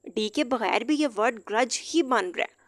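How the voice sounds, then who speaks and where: A woman gives a patient, explanatory lesson, repeating each example word slowly and carefully. Her voice sits a little high. The sound is dry and close, with little room in it. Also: lively intonation, dry recording. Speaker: English teacher.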